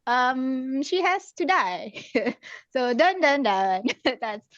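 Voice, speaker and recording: A woman from Singapore, an author, chatting casually about her story, hesitant with many pauses and laughs. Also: high-pitched, big pitch swings, a bit bright, no echo. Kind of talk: casual chat. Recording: dull dry lo-fi sound.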